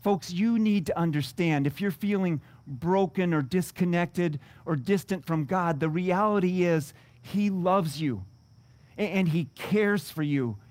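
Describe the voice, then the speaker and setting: A man's voice: high-pitched, unhurried, darkish tone, no room sound. A man preaching a sermon as a pastor, reading scripture and then explaining it earnestly, often restarting his words.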